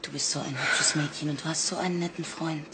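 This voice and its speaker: An actress playing a hospital nurse who calms a patient and sends a visitor out firmly. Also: female voice, low voice, fast, heavy background noise, close to an everyday voice. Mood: soothing. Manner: soothing but firm. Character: firm, soothing hospital nurse.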